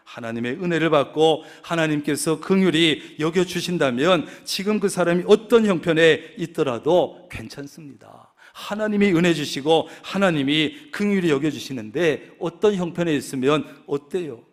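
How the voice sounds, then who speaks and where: A man's voice: on the high side, moderate pace, few pauses. A male pastor preaching a sermon, telling stories and acting out the voices he quotes.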